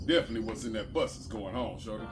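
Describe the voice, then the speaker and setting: Middle-aged man, casual vlog rant, lively swooping pitch, profane storytelling, faint music behind. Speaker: bus driver.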